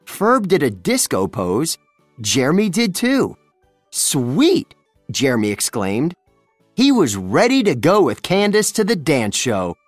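A children's storybook narrator reading aloud with a lively, up-and-down delivery. The voice is dry and close, with faint music playing softly underneath. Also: mid-range voice, a little slow, no echo. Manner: expressive storytelling. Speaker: storybook reader.

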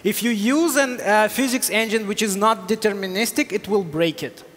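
A man's voice: high-pitched, moderate pace, fairly bright tone. A man in his thirties answering technical questions on a conference stage through a headset mic, explaining with frequent hesitations. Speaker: conference speaker. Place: large hall on stage. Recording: reverberant hall.

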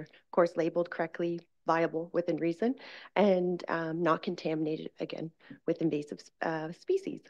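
Woman giving a council presentation at the podium, lots of ums, slightly dull meeting audio. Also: mid-range voice. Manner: steady, with frequent ums and uhs. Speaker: committee delegate presenting. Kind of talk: formal presentation. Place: council chamber.

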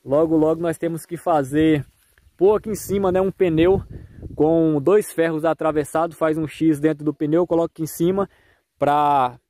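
Speaking with a Brazilian accent, a farmer and video host gives viewers a casual tour of his farm, filmed outdoors on a handheld phone. His voice is fairly high yet dark in tone, with fairly even intonation and a moderate pace.

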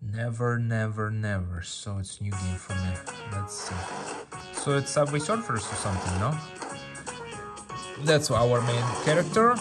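Playing a mobile game on a tablet indoors, this male gaming host speaks on the low side with lively intonation at an unhurried pace. His casual commentary comes in clipped fragments with frequent repeated words, while game music runs in the background.

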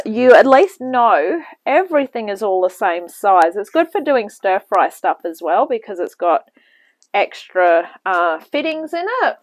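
A woman's voice: mid-range voice, rough recording. A woman hosting a home cooking demonstration, talking casually with rambling asides as she works, heard from a camera in a home kitchen. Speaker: cooking show host. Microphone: camera mic, off-screen speaker at the bench.

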